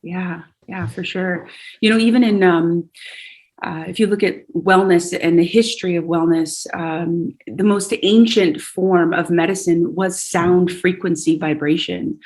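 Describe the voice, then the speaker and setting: In casual conversation on a podcast, a Hawaiian singer and yoga teacher talks earnestly and reflectively, using fillers and restarts. Her voice is fairly low and darkish, with a steady tone and measured pace.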